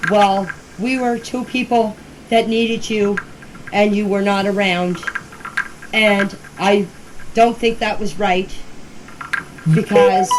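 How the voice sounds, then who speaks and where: With background noise behind her mid-range voice, a woman in her fifties records an informal phone voice message about a case. As a community member, she speaks earnestly and plainly, repeating herself to stress her points.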